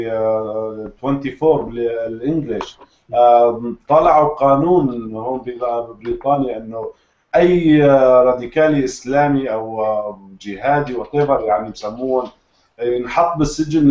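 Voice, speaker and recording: A man with a Levantine Arabic accent hosting an online panel discussion over an internet call. He talks in a relaxed way and fills pauses with "ah". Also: medium pitch. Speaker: host. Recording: dull lo-fi call audio in echoey room.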